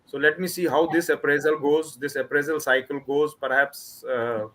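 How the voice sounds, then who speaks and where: This author from Kashmir speaks with an Indian accent in a fairly bright, somewhat high voice with fairly even intonation. Chatting casually in an online book club, he keeps restarting sentences and repeating words.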